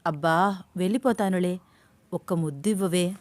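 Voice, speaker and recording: A woman voicing a bold, teasing young man in love, in an audio story, in her own even voice. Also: fairly low pitch, normal speed, dry recording, lightly acted. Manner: coaxing, teasing.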